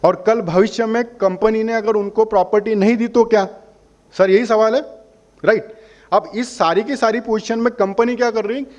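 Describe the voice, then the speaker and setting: A man's voice: sits high, steady tone, normal speed, darkish tone. Persuasive man explaining a membership. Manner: persuasive, asks questions and answers them himself. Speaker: holiday membership company representative. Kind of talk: explaining a sales pitch to customers.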